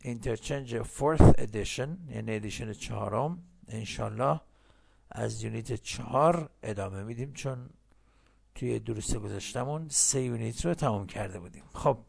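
Male English teacher, heavy vocal fry, patient, repeats phrases slowly. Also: medium pitch. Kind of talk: recorded language lesson.

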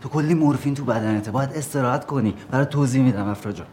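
An actor playing a calm, manipulative young man. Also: mid-range voice, a little hiss or hum, close to an everyday voice. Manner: calm, soothing tone with a needling edge.

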